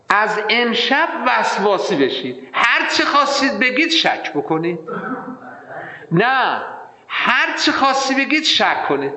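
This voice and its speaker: A man teaching Arabic grammar in an animated, emphatic way, mimicking his students' mistaken readings. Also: high voice. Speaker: seminary teacher. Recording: echoey hall, slightly dull sound.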